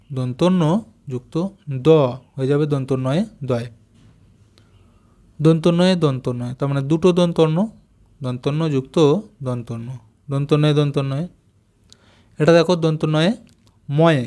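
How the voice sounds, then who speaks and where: A man teaching young children a reading lesson, patiently spelling out joined letters and saying each word slowly. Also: a little high, a little mellow. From West Bengal, India. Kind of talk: primary school reading lesson.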